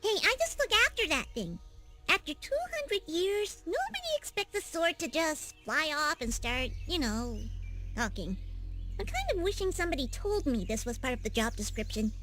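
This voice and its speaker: A woman's voice: high-pitched, big pitch swings, moderate pace, sharp tone, faint music behind, heavily acted. A woman voicing a small, scatterbrained flying guardian creature in a video game, chatty, bold and cutesy. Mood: chatty, sheepish.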